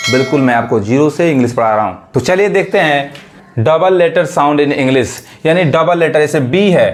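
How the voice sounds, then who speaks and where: Hindi-accented man teaching phonics. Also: a little high. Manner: quizzes the viewer, repeats each word slowly. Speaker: English teacher. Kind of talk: phonics lesson for beginners.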